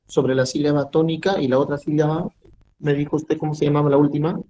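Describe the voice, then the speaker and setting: A man's voice: a little high, little pitch movement, fast talker, dark tone, highs cut off, slight background noise. A man student in an online class, asking politely and apologizing for missing part of the explanation.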